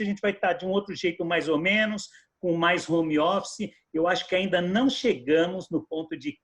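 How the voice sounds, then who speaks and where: A middle-aged Brazilian man with a Bahian accent speaks in a fairly high register. He offers reflective remarks in a discussion, earnest and rhetorical, like a manager making his case. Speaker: people and technology manager, roundtable participant.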